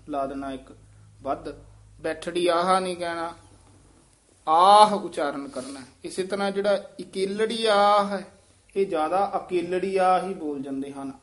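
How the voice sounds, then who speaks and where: Male scripture teacher, slightly high, slow deliberate delivery, patient corrections. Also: fairly bright tone. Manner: corrects patiently, models each word slowly. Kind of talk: pronunciation instruction.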